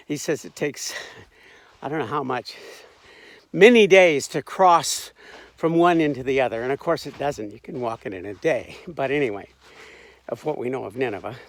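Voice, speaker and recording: Man, high voice, very animated intonation, casual irreverent retelling, dry close sound. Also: no room sound. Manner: irreverent and wry, with frequent restarts and asides. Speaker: informal Bible commentator. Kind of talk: casual retelling of a Bible story.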